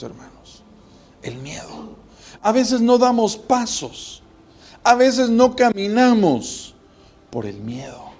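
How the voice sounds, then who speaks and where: High-pitched gravelly preaching man. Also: darkish tone. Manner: preaching with rising emphasis and rhetorical questions. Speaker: pastor. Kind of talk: sermon.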